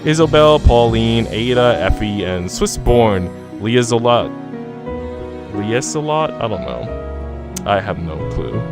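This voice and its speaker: Slow but animated, this medium-pitched male streamer jokes, teases and talks in slang live. He shifts between casual chat and reading story narration aloud while background music plays beneath his voice.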